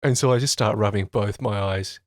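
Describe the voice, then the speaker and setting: A young man casually telling an animated, self-mocking anecdote about his retail job. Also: lowish voice, moderate pace, dry recording, clean studio sound. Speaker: retail worker.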